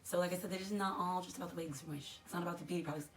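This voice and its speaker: A talkative woman with a fairly low voice, crackly and dry, rambling casually to her viewers during an unboxing. She pokes fun at herself as she goes, and soft music plays faintly behind her. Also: fairly even intonation, racing. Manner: chatty, rambling, self-deprecating. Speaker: unboxing vlogger. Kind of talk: casual unboxing chat to camera.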